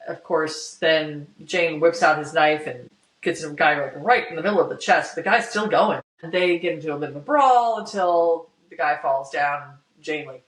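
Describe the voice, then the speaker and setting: A man's voice: on the high side, normal speed, fairly bright tone. A man co-hosting a podcast, casually recapping a TV episode at length and acting out quoted lines. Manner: narrates plot at length, acts out quoted lines. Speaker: podcast co-host. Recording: roomy, distant from the mic.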